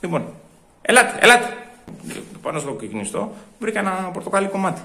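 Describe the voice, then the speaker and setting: A man playing a fussy, complaining male shopper at a supermarket cheese counter, in a one-man comedy sketch, ranting loudly and muttering asides. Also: sits high, big pitch swings, creaky, full character voice. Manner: loud indignant ranting, repeats himself, muttered asides.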